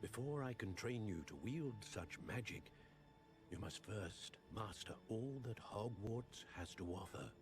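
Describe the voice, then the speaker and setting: A man playing a dignified, measured older wizard professor in a video game. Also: fairly low pitch, animated, music in the background. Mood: grave, instructive. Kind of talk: scripted video game cutscene acting.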